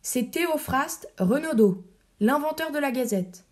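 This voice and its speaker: A woman's voice: high voice, lively intonation, unhurried, pitched above the performer's own voice. A woman reading the part of an eager, cheerful male friend in an audiobook play, chattering along.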